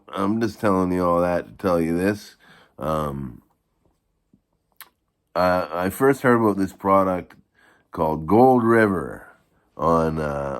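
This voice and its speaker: A man with a gravelly voice giving a rambling, halting, casual product review in the manner of a video blogger. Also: a bass voice. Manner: halting, rambling delivery with repeated false starts.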